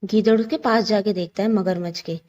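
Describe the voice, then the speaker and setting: Woman teacher: reads a children's story and glosses each word simply, with a mellow tone. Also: mid-range voice, steady tone, brisk, dull audio. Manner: explains hard words with simple synonyms, asks rhetorical questions. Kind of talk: reading and explaining a children's textbook story.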